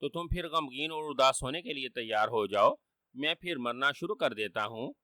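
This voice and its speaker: A man's voice: mid-range voice, animated, pushed and bright, dry recording, clean studio sound. A man voicing a wily trickster who fakes dying, whining and sly.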